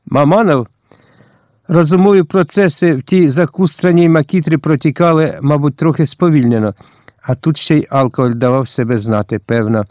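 A man narrating a first-person detective audiobook in a steady, wry storytelling manner, in a dry close recording. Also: on the high side, a little fast, no room sound.

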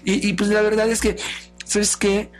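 A man's voice: high-pitched, completely flat delivery, moderate pace, faint music behind, pitched above the performer's own voice, close to an everyday voice. A man voicing Vanity as a snobbish, fussy woman with a drawling, affected way of talking. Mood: snooty. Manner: drawling, fussy, says "o sea" a lot.

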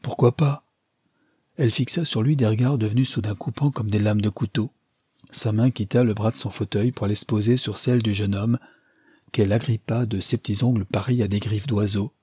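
A man reading a novel aloud as audiobook narrator, measured and calm, with a husky voice. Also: lowish voice, no echo. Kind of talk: scripted literary narration.

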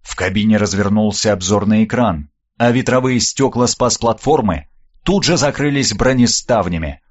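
A man narrating an action audiobook in the first person, reading in an animated, expressive way, on a dull, slightly muffled recording. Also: on the low side, moderate pace.

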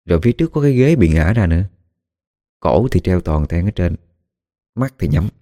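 A man's voice: sits low, very animated, fairly quick, dark tone. A man narrating a ghost story in a colloquial way, with dramatic exclamations.

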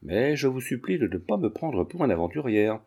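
Audiobook: male reader voicing a soft-spoken, mysterious foreign countess, mellow low tone. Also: big pitch swings, a little fast, breathy edge.

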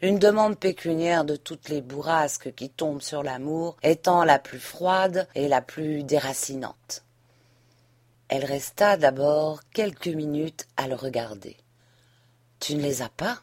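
A woman with a fairly low voice reads a classic novel aloud in a measured, expressive way. The recording is dry and close, with almost no room sound. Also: dry recording. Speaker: audiobook narrator. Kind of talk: literary audiobook narration.

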